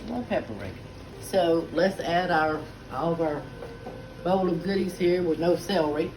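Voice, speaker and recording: A woman's voice: lowish voice, lively intonation, moderate pace. A middle-aged woman, chatting through a home cooking demonstration with many "uh" fillers. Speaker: home cook. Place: home kitchen. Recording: noisy home kitchen ambience.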